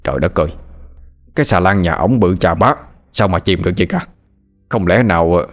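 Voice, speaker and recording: A man's voice: low voice, brisk, soft background music, lightly acted. A man voicing an older rural uncle who mutters and laments over his dead nephew. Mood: uneasy.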